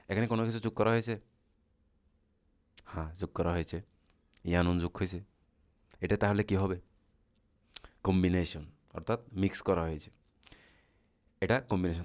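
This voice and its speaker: A man's voice: fairly low pitch, a little mellow. A man, teaching Arabic grammar. He keeps asking his students questions, then answers them himself, and goes over each point again patiently. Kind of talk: classroom lecture.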